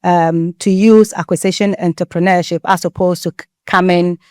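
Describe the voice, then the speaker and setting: Smooth-voiced woman hosting a podcast. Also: lowish voice, fairly even intonation, moderate pace, a little mellow, no echo, studio quality. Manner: encouraging, frequent affirmations. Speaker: podcast host. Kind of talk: interview hosting.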